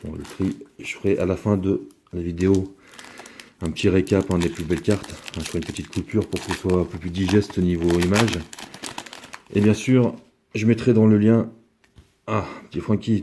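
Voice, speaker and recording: A man with a low, mellow voice talks through opening a box of trading cards. His delivery is chatty and rambling, full of fillers and small asides. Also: steady tone, moderate pace, a little hiss or hum. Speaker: card collector opening a box. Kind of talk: casual unboxing commentary.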